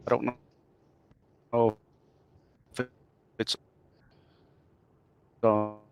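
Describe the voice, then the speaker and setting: A man calling in over a bad internet connection, his voice breaking up and cut into halting pieces by the lag. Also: lowish voice, little pitch movement, dull audio, slight background noise. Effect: choppy internet call audio breaking up. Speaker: caller. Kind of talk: casual chat. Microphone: remote call-in.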